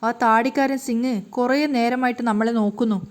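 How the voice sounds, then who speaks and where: Woman doing a jittery suspicious older sister in a story, quick talker. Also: on the high side, fairly even intonation, close to an everyday voice. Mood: worried. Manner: suspicious, worried. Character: nervous older sister, easily scared.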